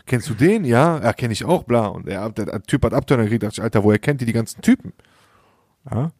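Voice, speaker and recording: Lachender junger Mann, lässiger Slang. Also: male voice, medium pitch, animated, fast talker, a little mellow, husky, no room sound, clean studio sound. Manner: slangy, laughs often, acts out quoted dialogue. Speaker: podcast host. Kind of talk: casual storytelling chat.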